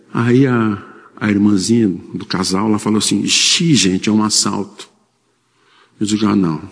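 A man's voice: mid-range voice, in a large hall. A man preaching a sermon, telling a personal story in a conversational way with frequent tag questions.

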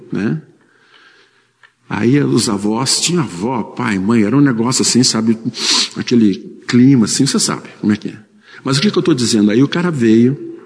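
A man's voice: mid-range voice, a little mellow, big-room sound. A man preaching a sermon, telling a personal story in a conversational way with frequent tag questions.

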